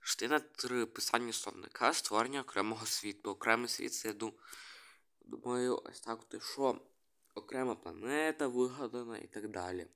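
A man hesitantly explaining the alphabet, tenses and grammar of a language he invented, going through his slides with many pauses and restarts. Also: mid-range voice, bright, forceful tone. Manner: hesitant, reading letters one by one, many restarts. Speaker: hobbyist presenting a made-up language. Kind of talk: screen-share explainer.

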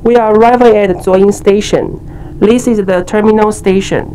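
A woman making a formal, clearly spoken prerecorded announcement over a train's loudspeaker after a chime. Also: medium pitch, fairly even intonation. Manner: slow, formal, clearly enunciated. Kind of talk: prerecorded public address announcement. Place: inside a moving high-speed train. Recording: loudspeaker voice with loud train noise.

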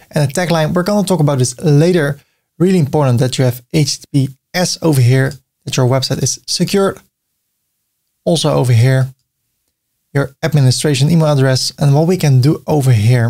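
A middle-aged native Dutch speaker, accent and all, walks viewers through building a website in a screen recording. His voice runs on the high side with a darkish tone, and he's chatty and friendly, joking lightly as he clicks.

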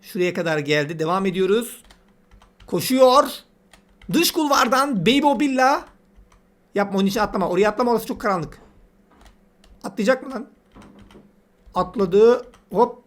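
A man's voice: sits high, expressive, normal speed, long pauses. A man giving casual let's-play commentary, chatty and teasing, talking to the game's characters as he plays. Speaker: gameplay commentator.

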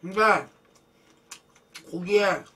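A woman's voice: mid-range voice, drawn-out words, fairly bright tone, slightly rough, far from the mic. Woman humming and talking through a full mouth. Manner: talks while chewing, blunt slangy remarks. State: closed mouth chewing hum. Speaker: mukbang host. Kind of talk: casual eating show chat.

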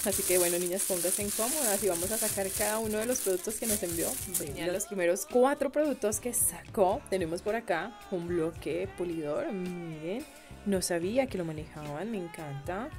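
A young Colombian woman with a Colombian accent, chatting warmly with viewers as a beauty vlogger, gushing and exclaiming over products she unboxes. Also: lowish voice, normal speed, music in the background. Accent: Colombian Spanish.

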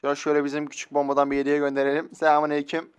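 A young man streaming a mobile shooter game, excitable, swearing and joking at other players as he plays. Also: on the high side, racing, clear, resonant tone. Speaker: gaming streamer. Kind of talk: live mobile game commentary. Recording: faint game gunfire behind.

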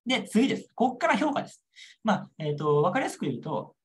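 A man's voice: high-pitched, sing-song, quick pace. A young man lecturing on a model exam answer, repeating key points and checking understanding with rhetorical questions.

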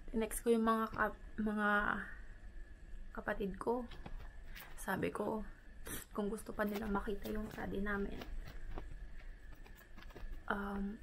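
A woman from the Philippines, a vlogger, retelling a painful personal story in a halting, emotional way with many pauses and fillers. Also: medium pitch, slight background noise, low-quality recording.

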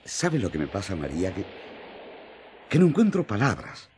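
An actor playing John the apostle, an earnest, excitable man who speaks emphatically and coaxingly in a radio drama. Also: lowish voice, a little hiss or hum. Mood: eager, fervent. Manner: emphatic, halting with eagerness, coaxing. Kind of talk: radio drama acting in colloquial Spanish.

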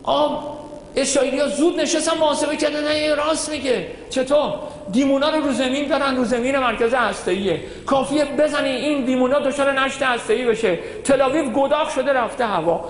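A man with a very high voice delivers a sermon in a large hall, and his words ring out with a long reverb. He tells his stories with energy and keeps asking his listeners questions. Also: slight background noise. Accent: Iranian Persian. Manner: animated storytelling, rhetorical questions. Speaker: cleric lecturer. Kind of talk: religious lecture.

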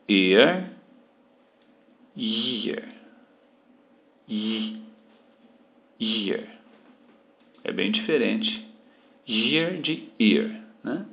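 Slow, gravelly Brazilian English teacher. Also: male voice, medium pitch, muffled recording. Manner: slow, deliberate, repeating words to model pronunciation. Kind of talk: language lesson explaining pronunciation.

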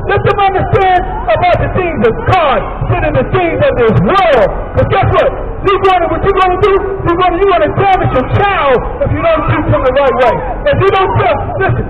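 A man with an American accent and a very high voice preaches an impassioned, emphatic street sermon, repeating his phrases over and over on a busy city plaza beside a street. He uses a handheld microphone through a portable speaker, captured by a distant camera. The outdoor recording is distant and dull, with street and crowd noise.

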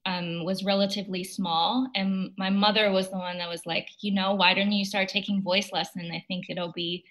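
A young woman from China speaks in a bright, clear-edged voice over a video call. She answers interview questions thoughtfully, with plenty of "um"s along the way. Her pitch sits in a middle range for a woman. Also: flat delivery, normal speed, rough recording. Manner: thoughtful, with frequent fillers and light laughs. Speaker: opera singer, guest.

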